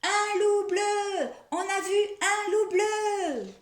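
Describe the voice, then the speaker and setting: A woman's voice: sing-song, drawn-out words, echoey room, a little hiss or hum, exaggerated voice. A woman voicing a mischievous little gray mouse who shrieks and giggles as she plays tricks. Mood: gleeful. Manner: shrill, shouting, giggling.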